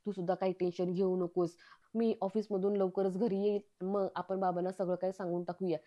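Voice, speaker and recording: A woman's voice: lowish voice, flat delivery, a little fast, warm tone, highs cut off, lightly acted. A woman voicing a young husband who speaks in a soothing, reassuring way.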